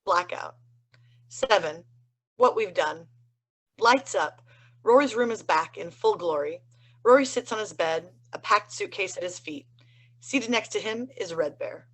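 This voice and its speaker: A woman's voice: medium pitch, expressive, unhurried, pauses often, fairly bright tone, rough recording. A woman reading stage directions evenly in an online play reading. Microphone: video call.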